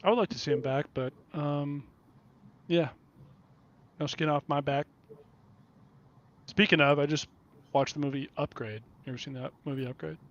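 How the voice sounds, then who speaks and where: A man's voice: on the high side, steady tone, normal speed, pauses often. A man hosting a casual podcast chat, blunt and profane, laughing often, from the Kansas City area. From Kansas City area, USA. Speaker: podcast host. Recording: dull lo-fi dry sound.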